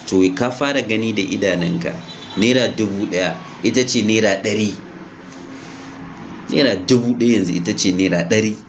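Hausa-accented man, noisy recording. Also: lowish voice. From Nigeria. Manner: emphatic, exhorting, rhetorical questions. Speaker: online crypto commentator. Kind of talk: informal spoken commentary, mixing languages. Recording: noisy amateur recording with background ambience.

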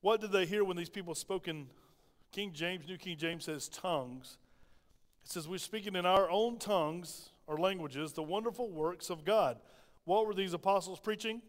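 A man with a Southern American accent, preaching a sermon in a church and asking the congregation plenty of rhetorical questions. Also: high-pitched. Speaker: pastor. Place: church sanctuary. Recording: long reverb of a church hall.

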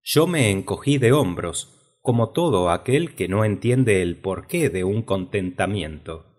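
A man reading a memoir as an audiobook, with measured, expressive storytelling. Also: on the low side. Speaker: narrator.

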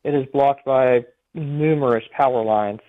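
A man's voice: medium pitch, a little slow. A man giving a live eyewitness report as a storm chaser in a phone interview. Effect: phone line. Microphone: telephone. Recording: thin, narrow-band phone line.

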